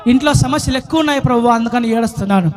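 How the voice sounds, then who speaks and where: A man acting out a grieving woman disciple who pleads through tears in a quick rush, within a sermon. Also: very high voice, expressive, some chatter behind. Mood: tearful.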